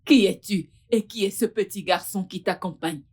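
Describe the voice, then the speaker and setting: A woman playing a composed head of a family meeting in a dubbed film drama, asking measured, formal questions. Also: mid-range voice, darkish tone, breathy edge, close to an everyday voice. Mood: stern, composed.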